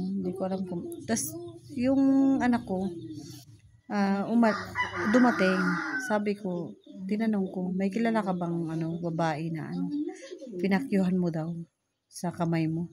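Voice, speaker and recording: A middle-aged woman vlogger telling a story in casual chat, acting out what people said in a raised voice and often restarting her sentences. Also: lowish voice. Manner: animated retelling with raised quoted voices.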